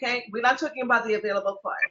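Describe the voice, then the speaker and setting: A woman's voice: on the high side, fairly even intonation, racing, background noise. A woman hosting a casual talk show, teasing her guests and laughing often. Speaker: host. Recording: lo-fi, roomy sound.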